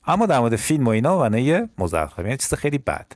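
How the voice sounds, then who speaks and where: A man teaching French slang in a casual, chatty way, reading example sentences slowly and clearly. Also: medium pitch, big pitch swings, no room sound, studio quality. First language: Persian. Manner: switches to slow, drawn-out model sentences; chatty, addresses learners as kids. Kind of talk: language lesson.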